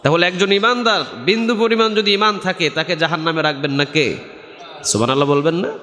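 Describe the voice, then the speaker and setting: Man, preacher, chanting sung sermon, bright tense voice, long hall reverb. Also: brisk. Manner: chanting, sweeping pitch swings, acting out quoted speakers. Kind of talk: sung Bengali waz sermon.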